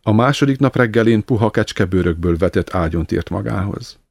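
Egy férfi nyugodt, kimért hangon olvas fel egy irodalmi elbeszélést. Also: male voice, fairly low pitch, gravelly, dry recording. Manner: calm, measured reading. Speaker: narrator. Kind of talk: scripted narration of a literary story.

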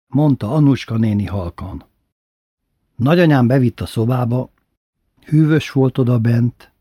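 Husky man reading a lively story. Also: mid-range voice, no room sound, clean studio sound. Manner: lively, expressive reading with voiced characters. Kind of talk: reading a personal story aloud.

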